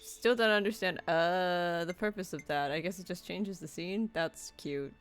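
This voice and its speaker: A woman's voice: lowish voice, moderate pace. A woman streaming a video game, chatting casually and playfully, often laughing. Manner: laughing, playful, hums and sings along. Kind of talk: casual gameplay chat. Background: faint game music.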